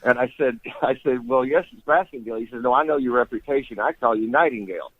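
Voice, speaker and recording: A man's voice: mid-range voice, fast, narrow, tinny audio. Casting: older Southern man, folksy rambling storyteller, easygoing chuckle, mid-range voice. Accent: Southern American. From Eastern Tennessee. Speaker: guest sportscaster. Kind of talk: storytelling interview.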